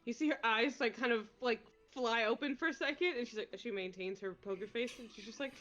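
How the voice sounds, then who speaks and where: A woman's voice: fairly high pitch, fairly quick, fairly bright tone, highs cut off. Chatty woman player at a game table. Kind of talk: casual tabletop play.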